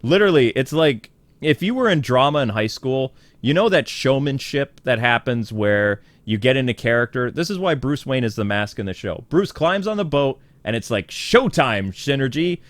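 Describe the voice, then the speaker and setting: Chatting at normal speed with big pitch swings, a medium-voiced reviewer spoils a cartoon episode while sharing strong opinions, padding his talk with fillers and the occasional laugh. The recording has no echo.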